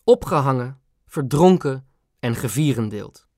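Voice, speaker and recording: A man narrating a children's audiobook in an expressive, animated storytelling manner. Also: medium pitch, a little slow, dry recording, clean studio sound.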